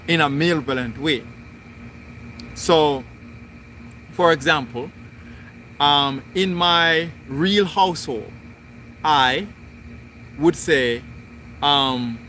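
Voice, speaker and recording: A man hosting a spiritual livestream, talking through his thoughts in slow, deliberate, repetitive phrasing. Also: on the high side, bright, forceful tone, a little hiss or hum. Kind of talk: reflective spoken monologue.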